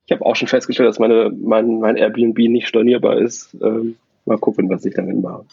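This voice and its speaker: Host dude on a bad lo-fi phone call, gravelly and a bit raspy, super dry sound. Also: male voice, little pitch movement, moderate pace, dark tone, no echo. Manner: asks friendly, informal questions. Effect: low-quality phone call recording. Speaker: podcast host, interviewer. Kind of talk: casual phone interview. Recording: dry, dull lo-fi phone audio.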